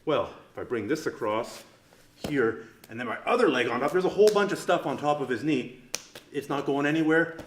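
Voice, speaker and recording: A grappling instructor talks a little fast in a fairly high, animated voice, with reverberation and a little hiss or hum on the recording. He's on a training mat, demonstrating moves on a partner and joking casually as he explains each step.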